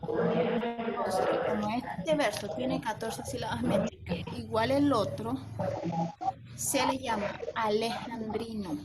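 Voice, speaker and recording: A woman teacher talks slowly and carefully, her voice set a little high. Loud background noise runs under her the whole time. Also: fairly even intonation. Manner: slow, careful counting and explaining. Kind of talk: recorded lesson explanation.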